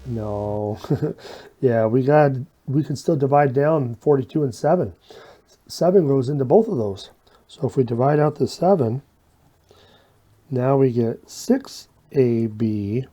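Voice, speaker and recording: Man, math teacher, very mellow dark tone, unhurried pace, whistling s, informal step-by-step explaining, folksy self-questioning. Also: mid-range voice. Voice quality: whistling s sounds. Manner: folksy, asks and answers own questions. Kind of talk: informal step-by-step video lesson, talking while working problems.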